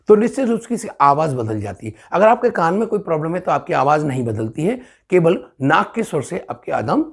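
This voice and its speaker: A man with an Indian accent giving a spoken English grammar lesson, explaining step by step and repeating example sentences slowly. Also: a little high, breathy edge. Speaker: English teacher.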